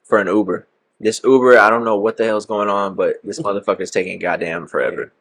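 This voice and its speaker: A man's voice: lowish voice, steady tone, fairly quick, fairly bright tone. A young man casually telling a profane story about a night out. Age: young adult. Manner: profane, laid-back storytelling.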